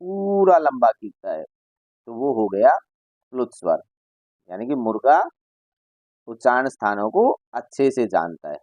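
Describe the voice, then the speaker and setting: A man's voice: mid-range voice, animated, measured pace, pauses often, darkish tone, no echo, dull audio. A male Sanskrit teacher explaining a school lesson to children. He reads Sanskrit lines, then explains each one in Hindi, and imitates bird calls as examples.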